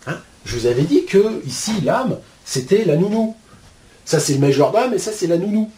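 A man's voice: high voice, very animated, moderate pace, dark tone. A man giving a spiritual lecture at a board, colloquial and blunt, full of asides. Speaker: spiritual teacher.

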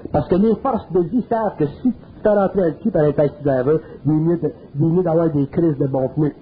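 A man with a Quebec French accent gives a spiritual lecture in a colloquial, earthy, emphatic style. His voice is a little high and his delivery brisk. The recording sounds like narrow, phone-like old tape with slight background noise.

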